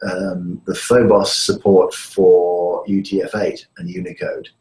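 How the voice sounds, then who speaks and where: A man's very deep voice comes through a call line that keeps breaking up and rings with echo. He talks casually and hesitantly, full of pauses and fillers. It is a lecturer in an easygoing chat. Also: flat delivery, a little mellow. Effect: remote call line that breaks up, with echo. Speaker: university lecturer. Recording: echoey, breaking-up call audio.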